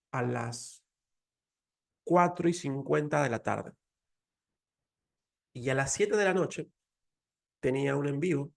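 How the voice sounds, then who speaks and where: Earnest man with a gravelly voice. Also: mid-range voice. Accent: Mexican Spanish. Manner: emotional, earnest storytelling. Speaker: faith speaker. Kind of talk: personal faith talk.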